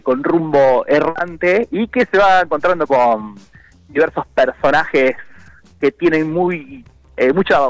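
A man's voice: fairly high pitch, dry recording, rough recording. Male guest, easygoing rambler, dry sound with faint music. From Argentina. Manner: relaxed, rambling, many fillers and restarts. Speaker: murga member, guest. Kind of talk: casual phone interview.

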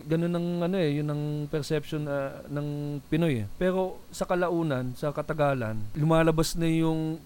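Filipino male co-host, animated storyteller, slightly high voice, faint room noise. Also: moderate pace. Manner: laughs easily, tells stories animatedly. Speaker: podcast co-host, comedian. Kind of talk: casual chat.

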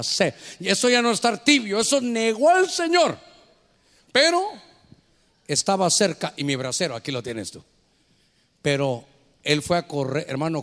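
A man's voice: fairly high pitch, a bit bright, in a large hall. A man preaching a sermon as pastor in a church. He speaks fervently and keeps addressing the congregation as brother. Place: church hall.

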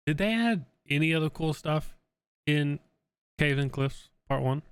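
A man's voice: a little high, expressive, a little slow, clear, resonant tone, no room sound. A man co-hosting a podcast in laid-back casual chat with dry humor. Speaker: podcast co-host.

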